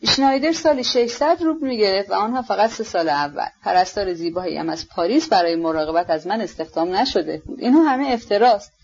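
A woman reading the part of a gentle young prince who talks earnestly and pleadingly. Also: mid-range voice, animated, hardly any pauses, dull audio, slight background noise, lightly acted.

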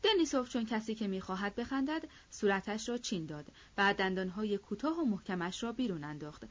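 A woman narrating a classic novel as an audiobook in a steady, measured reading. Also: mid-range voice, muffled recording.

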